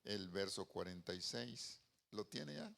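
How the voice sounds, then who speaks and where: A male pastor preaching a sermon, moving from quiet storytelling to loud, drawn-out exclamations. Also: fairly low pitch, expressive, vocal fry.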